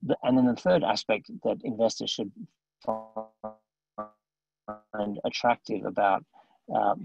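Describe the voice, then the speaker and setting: A man presenting remotely over a video call whose degrading stream drops out, speaking in a halting way with many restarts. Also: fairly low pitch, creaky, a little mellow, husky, no echo, highs cut off, soft background music. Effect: degrading stream audio that drops out. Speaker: remote presenter at an investor briefing. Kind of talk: formal briefing talk.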